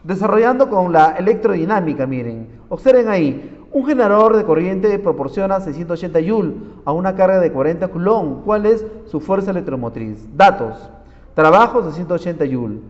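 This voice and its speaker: High-pitched guy teaching physics, keeps saying look here and quizzing the class, muffled audio with a long echo. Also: animated, a little fast. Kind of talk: classroom lecture solving problems. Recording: dull audio with long reverb.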